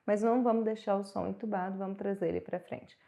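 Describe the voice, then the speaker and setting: A woman giving a singing lesson, calmly explaining and guiding vocal exercises. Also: mid-range voice, fast, gravelly. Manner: calm, guiding, explains then demonstrates. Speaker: singing teacher.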